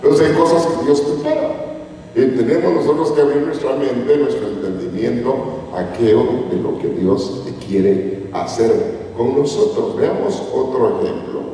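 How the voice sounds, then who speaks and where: A man's voice: medium pitch, a little slow, dark tone. A man from Guatemala preaching a sermon in a church, telling stories with rising emphasis. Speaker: pastor. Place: church hall. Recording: echoey church hall from far off.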